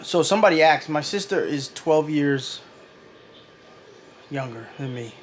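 A family vlogger in his thirties speaks a little slowly and expressively, his voice slightly high, in a casual indoor chat in his kitchen and bedroom. He rambles, teases and swears a lot, holding a handheld camera at arm's length that records noisy audio.

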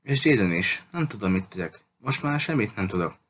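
A man's voice: lowish voice, lively intonation, fairly bright tone, a little hiss or hum. A man voicing a distraught teenage boy who keeps pressing for answers in an audiobook reading. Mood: lost. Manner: pleading, urgent questioning.

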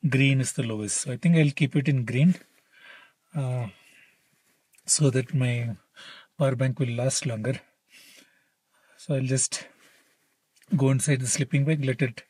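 A man's voice: mid-range voice, darkish tone, husky, no echo. A man in his thirties vlogging casually from inside a parked car in the snowy cold, talking to a close camera while cooking. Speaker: travel vlogger. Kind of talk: casual vlog narration.

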